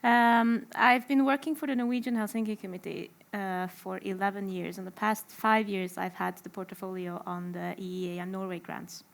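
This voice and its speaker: A woman from Romania, introducing herself on a panel. Her voice has a gravelly, creaky edge, and she talks with quick self-deprecating liveliness. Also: mid-range voice, flat delivery. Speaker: human rights activist.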